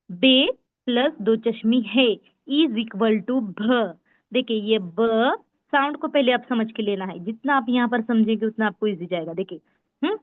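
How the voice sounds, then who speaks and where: A woman with a slightly high voice leads an online class, sounding out each letter slowly and repeating it so it sticks. The audio is dry and narrow, like a phone line. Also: no echo. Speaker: Urdu teacher. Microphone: online class call. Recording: tinny phone-like call audio.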